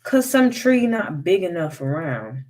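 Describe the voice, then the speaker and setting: A clever, bold young country boy, as a woman reader plays him in a storybook reading. He hollers high and loud, his voice pushed up. He dares and bargains with a monster and keeps his nerve. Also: sing-song, a little slow. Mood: defiant. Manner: loud hollering, raised pitch.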